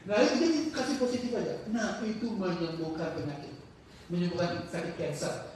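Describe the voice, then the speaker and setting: A high-pitched man teaches an informal religious study circle. He often stops mid-sentence to hunt for the right word, then slips into animated voices for the people in his stories. He is caught from a distance in a booming, echoey mosque hall with a faint hiss underneath. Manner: halting, searches for words mid-sentence; animated storytelling with acted-out quotes.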